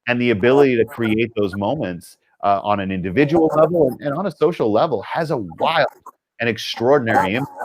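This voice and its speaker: A Canadian man, a leadership speaker, telling a story in an animated, conversational way and acting out the quotes. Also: medium pitch, fairly quick, poor audio. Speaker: podcast guest, leadership speaker.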